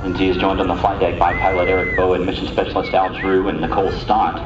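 A man reporting flight figures briskly and evenly as mission control commentator over a public-address loudspeaker. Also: low-pitched, level tone. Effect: public-address loudspeaker broadcast. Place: outdoors at a launch viewing site. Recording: distant echoey loudspeaker, dull, noisy.

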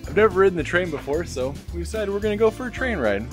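A man's voice: sits high, animated, quick pace, soft background music. Upbeat man narrating a travel vlog. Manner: upbeat, informative, laughs easily. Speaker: travel vlogger. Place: outdoors in the desert, on foot. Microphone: camera held at arm's length.

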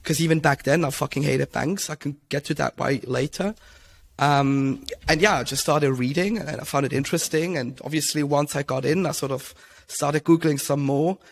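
A young man from Switzerland tells his story in a relaxed podcast interview, circling back with ums and restarts. His voice sits a touch high with a gravelly, creaky texture. He speaks into a headset mic from a room at home. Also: normal speed. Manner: rambling, many ums and restarts. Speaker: podcast guest. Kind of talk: casual interview talk.

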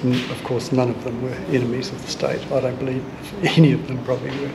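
Earnest New Zealand man explaining slowly. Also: medium pitch, flat delivery, vocal fry, background noise. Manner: earnest, measured, with thoughtful pauses and fillers. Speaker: sailing vlogger recounting family history. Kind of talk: casual explanation on camera. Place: indoor archive room and museum hall. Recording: music bed underneath.

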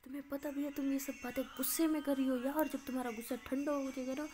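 Brief: woman voicing a frantic, high-pitched college friend, scolding, mellow tone. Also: little pitch movement, quick pace, a little hiss or hum, lightly acted. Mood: exasperated. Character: excitable young female college friend, frantic.

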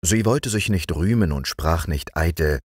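A man narrating a fairy tale as a calm bedtime audiobook reader. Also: deep voice, moderate pace, no room sound, clean studio sound. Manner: calm, expressive storytelling.

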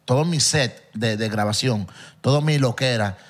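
A man's voice: medium pitch, normal speed. A man, a comedian guest on a podcast, telling a story in emphatic, repetitive bursts in casual chat.

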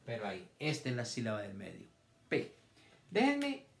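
A man's voice: medium pitch, huge pitch swings, normal speed, creaky. A man teaching a children's reading lesson, patiently stretching out words syllable by syllable. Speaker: primary school teacher. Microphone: camera on a stand.

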